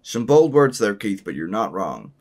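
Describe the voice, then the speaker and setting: A man's voice: on the low side, big pitch swings, normal speed, a little mellow. A man playing a prim, formal sports commentator. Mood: announcing. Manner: formal and prim, politely exasperated. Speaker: host.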